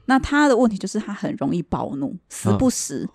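A young woman, chatting casually and telling animated stories, often laughing. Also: a little fast, vocal fry, no room sound. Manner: animated, laughing often, quoting people in a lower voice. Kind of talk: casual chat, storytelling about ex-boyfriends.

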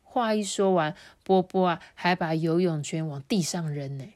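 A woman reading a picture book to children in a lively, sing-song way. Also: deep voice, normal speed. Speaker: storyteller.

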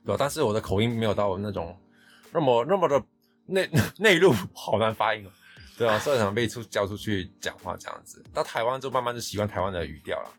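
A man from Hong Kong with a Taiwanese Mandarin accent, hosting a casual podcast chat, chatty and quick to laugh. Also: on the low side, expressive, soft background music. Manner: chatty, laughs often, quotes others. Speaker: podcast host.

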